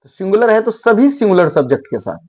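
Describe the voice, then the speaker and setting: A man teaching English grammar in a slow, repetitive classroom style, drilling the pronunciation of words over and over. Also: high voice, sing-song, warm tone.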